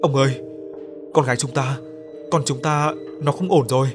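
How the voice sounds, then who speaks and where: A man's voice: medium pitch, brisk, over music, natural voice. A man reading the part of a middle-aged mother, worried and tearful over her daughter. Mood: distraught. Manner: distraught, crying out.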